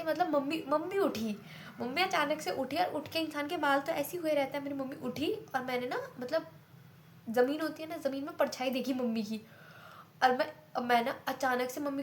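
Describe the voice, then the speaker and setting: A woman's voice: high-pitched, slight background noise. A young woman telling a personal story in a casual, chatty way, full of fillers and repeats. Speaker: vlogger.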